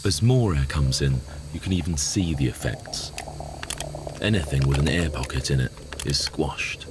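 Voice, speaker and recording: Very deep-voiced man narrating a documentary. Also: normal speed, noisy background. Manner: calm explanatory voice-over. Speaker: documentary presenter. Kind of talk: scripted narration. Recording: voice-over over loud music.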